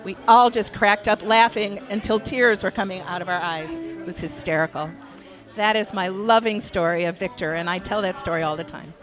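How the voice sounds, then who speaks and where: A woman giving a tribute speech, telling a fond, animated story. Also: mid-range voice, moderate pace, soft background music. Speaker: memorial speaker.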